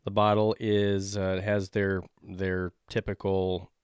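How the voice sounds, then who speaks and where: A man's voice: sits low, flat delivery, slow, clear, resonant tone, no echo, clean studio sound. A man hosting a beer review podcast, talking in a loose, rambling, jokey way.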